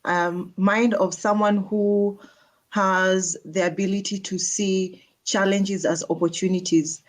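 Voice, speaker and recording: A woman from Kenya speaking as a guest on a live online panel, measured and deliberate. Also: mid-range voice, level tone.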